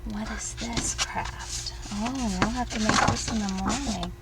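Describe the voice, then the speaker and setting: A woman speaks softly in an ASMR role-play as a nurturing mother. She is unhurried and creaky, drifting into speaks softly while she explains things simply. The recording is noisy, with the mic a little distant. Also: medium pitch, steady tone. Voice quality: soft, slipping in and out of a soft voice. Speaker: ASMR performer playing a caring mother.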